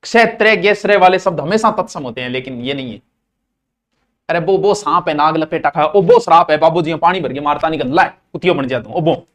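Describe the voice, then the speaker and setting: A man's voice: a little high, brisk, a bit bright. A man teaching Hindi grammar to a class, drilling words by repeating them again and again and slipping in playful, folksy asides. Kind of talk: classroom lecture.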